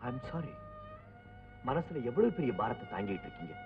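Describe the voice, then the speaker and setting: A man's voice: medium pitch, sing-song, normal speed, creaky. An actor playing an eager young male doctor with a cheeky, teasing way of talking. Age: young adult. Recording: tinny far-off old film soundtrack with music.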